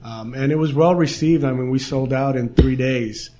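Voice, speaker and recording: A man's voice: mid-range voice, normal speed, warm tone. A man who runs a restaurant and brewery, talking casually and proudly in an interview about what he serves, recorded in a small restaurant. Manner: proud, explains details at length.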